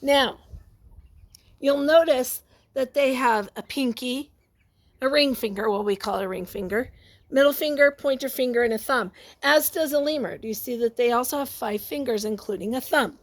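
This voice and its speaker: Her high voice moves at an ordinary pace as she reads a picture book to little ones. She's animated and exclamatory, often interrupting herself to quiz the children or add a remark.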